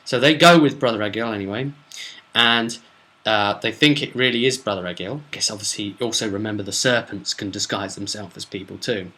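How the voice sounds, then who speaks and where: This low-quality recording captures a British game master with a lowish, brisk, pushed and bright voice. He rambles casually through a recap of a role-play session, frequently stopping to explain his characters and quote them.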